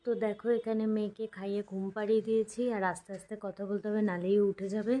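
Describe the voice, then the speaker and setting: Speaking quickly in a dark-toned, mid-range voice with flat delivery, a woman vlogs from her home kitchen while tidying and cooking. She talks chattily to her audience as she works and uses coaxing baby talk with a child.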